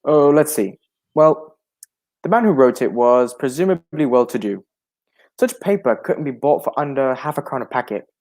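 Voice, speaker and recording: Man acting a mellow, genial Doctor Watson storyteller. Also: medium pitch, expressive, normal speed, natural voice. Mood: puzzled. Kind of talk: radio drama acting and narration in a 1940s manner.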